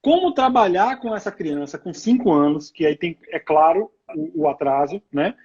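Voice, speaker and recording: Man, live host; husky, a bit high, reads comments, dull lo-fi call sound. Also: animated, normal speed, darkish tone. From Brazil. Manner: reads viewer comments, hesitant restarts. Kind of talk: casual live interview. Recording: dull lo-fi video call audio.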